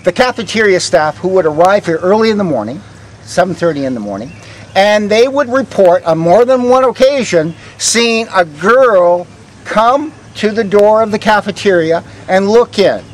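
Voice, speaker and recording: An older man tells stories conversationally as a tour guide to a walking group, pausing hesitantly and letting line ends trail off. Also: sits high, animated, poor audio. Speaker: ghost walk guide, former vice principal. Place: outdoors on a town street. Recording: outdoor street recording with faint traffic noise.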